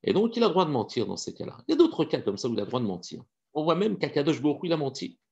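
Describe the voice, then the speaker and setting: Brief: gravelly, animated man giving a religious lesson with storytelling, dull lo-fi sound. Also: fairly high pitch, rapid-fire. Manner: animated, hesitant with many fillers. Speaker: Torah teacher. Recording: dull lo-fi recording.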